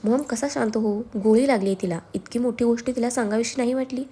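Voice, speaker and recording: A woman voicing a protective, quick-tempered young husband who scolds angrily. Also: on the high side, warm tone, slightly rough. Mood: angry. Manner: angry, scolding.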